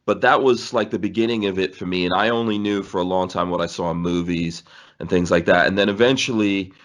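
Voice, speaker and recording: A low, steady, fairly bright voice comes a little fast from a man in his forties. Born in Guyana and brought up in New York City, he rambles, laughs often and restarts sentences while telling stories as a podcast guest in a casual interview.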